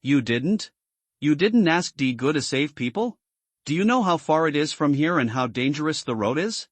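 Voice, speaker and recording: A man reading a gentle young woman turned fierce scold. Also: a little high, expressive, dry recording. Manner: scolding, rapid-fire. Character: young woman, usually gentle, protective and indignant.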